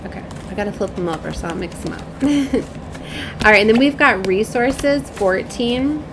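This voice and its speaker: Animated and mid-range, a woman's voice moves at a moderate pace through an oracle card reading, part read aloud and part rambling chat with informal asides. She is a tarot and oracle card reader, and there is background noise.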